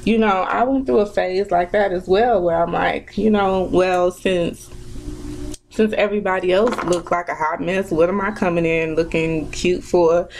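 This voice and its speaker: A woman's voice: fairly low pitch, fairly even intonation, unhurried, a little mellow, a little hiss or hum, rough recording. A woman in her twenties chatting casually while doing her makeup, reflective and full of fillers and restarts. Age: 20s. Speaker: vlogger. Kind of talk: casual chat during a makeup tutorial.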